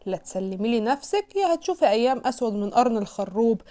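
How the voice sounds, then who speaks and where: A woman's voice: fairly high pitch, very animated, fast, dark tone. A woman with an Egyptian Arabic accent voicing a cold, possessive young billionaire man, mocking and domineering in a recap story. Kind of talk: recap storytelling with voiced lines.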